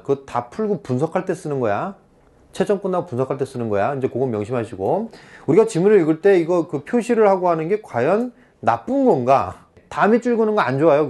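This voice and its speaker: A man lectures exam students in a chatty, animated way. His voice sits fairly high and swings widely in pitch. He keeps checking in with the class and acts out little scenes as he explains. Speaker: Korean-language exam tutor.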